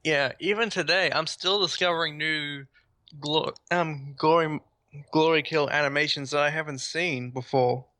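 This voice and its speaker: A man's voice: on the high side, fairly even intonation, normal speed, sharp tone, dry recording. A man chatting enthusiastically as a gaming podcast host. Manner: enthusiastic, rambling. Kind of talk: casual gaming podcast chat.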